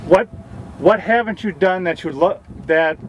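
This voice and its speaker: A man's voice: high-pitched, measured pace, lo-fi sound, noisy background. A man interviewing off to the side, asking brief direct questions.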